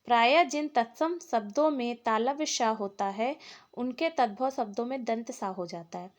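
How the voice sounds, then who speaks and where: Woman teacher going through lecture notes, reading off word lists, voice on the high side. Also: unhurried. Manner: explains point by point, reads out word lists. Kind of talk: exam-prep lecture on Hindi linguistics.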